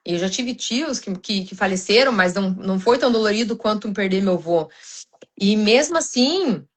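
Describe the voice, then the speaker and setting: Uma mulher brasileira, com sotaque brasileiro, fala com sinceridade em um podcast cristão, com muitas hesitações e recomeços. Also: female voice, medium pitch, expressive, normal speed. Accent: Brazilian Portuguese. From Brazil. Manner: earnest, many restarts and fillers, addresses listeners as "gente". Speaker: podcast guest.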